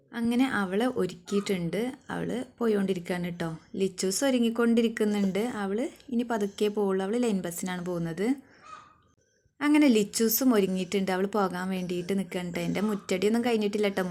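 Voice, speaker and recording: A woman, narrating her home day as a vlogger in a homely, chatty voice-over. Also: medium pitch. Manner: homely, chatty, adds a soft "tto" to her sentences. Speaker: vlogger and mother.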